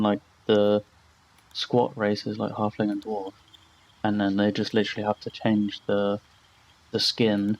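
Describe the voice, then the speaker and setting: A young man hosts a gaming channel, chatting casually over his gameplay in a rambling, blunt way and swearing often. His voice sits on the low side with a darkish tone, captured as a slightly dull lo-fi voice-over.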